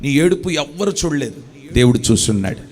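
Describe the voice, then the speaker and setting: A man's voice: medium pitch, big pitch swings, fast, a little mellow. A male preacher, giving a fervent sermon with repeated phrases and calls for amen.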